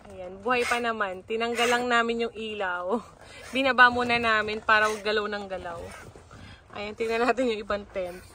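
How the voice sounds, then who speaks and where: A woman in her thirties with a Filipino accent, vlogging her family's camping trip and mixing Tagalog with English in a calm, reassuring way. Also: a little high, normal speed, noisy background. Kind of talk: casual vlog narration. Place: campsite in heavy rain and wind, then inside a car.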